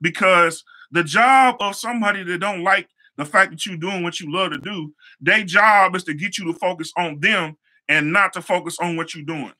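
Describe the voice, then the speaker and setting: A young man with a high, very bright and sharp voice tells stories from his life as a motivational talk. He speaks casually, circles back on his phrases and drops easygoing slang. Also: normal speed. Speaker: show host, hair stylist.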